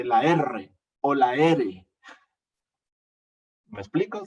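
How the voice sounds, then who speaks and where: Slow-teaching preacher man, distant mic. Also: medium pitch, breathy edge. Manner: slow teaching, repeats phrases, asks the congregation questions. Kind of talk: sermon. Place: church.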